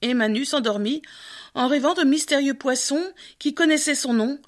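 A woman narrates a fairy tale with a measured, expressive reading. Her voice sits high. Her scripted storytelling pace stays steady.

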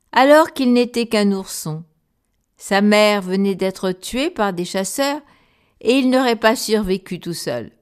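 A woman voicing a short, gruff, bearded old man in a storybook, talking slowly and wistfully. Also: a little high, darkish tone.

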